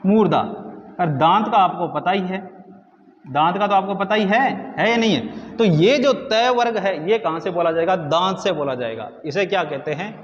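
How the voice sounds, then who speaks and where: A man's voice: sits high, normal speed, roomy sound, long reverb tail, muffled recording, a little hiss or hum. A man teaching Hindi grammar for exam prep, asking his own questions and answering them himself.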